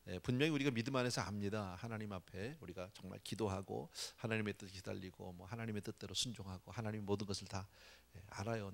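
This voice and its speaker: A man's voice: lowish voice, creaky. A male pastor giving a conversational sermon at a church prayer meeting, often dropping "yes" between phrases.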